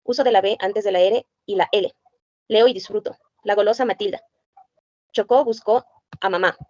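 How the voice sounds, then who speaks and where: A woman's voice: medium pitch, normal speed, a little mellow, no room sound, highs cut off. A woman reads a curriculum list aloud, spelling out letters and sounds one by one. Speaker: presenter.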